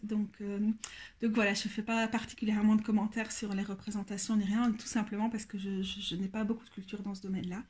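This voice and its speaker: A woman casually walking through a card deck on her channel, speaking in a thoughtful, hesitant way and often pausing to search for words. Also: mid-range voice, dark tone. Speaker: tarot deck reviewer.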